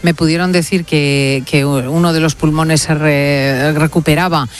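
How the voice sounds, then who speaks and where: A woman hosting a radio talk show from a studio, talking in an expressive, emphatic way. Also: deep voice, a little slow, slight background noise. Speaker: radio host.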